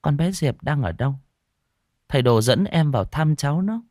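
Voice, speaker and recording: A man voicing a calm middle-aged village wise woman who speaks politely and soothingly, in a told ghost story. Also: a little high, normal speed, no echo, studio quality, pitched above the performer's own voice, natural voice. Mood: persuasive, polite.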